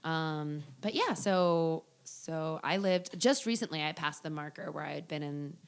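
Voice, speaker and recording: A woman's voice: deep voice, unhurried, smooth. A woman in her twenties, a podcast guest, chatting casually with frequent laughs and trailing asides.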